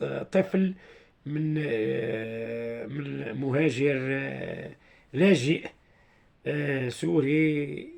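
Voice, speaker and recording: Slightly high and gravelly, this man's voice is a little mellow and slightly rough. He has a Moroccan accent and works as an online video commentator, casually explaining things to his followers. His speech is halting, repetitive, and full of word-searching.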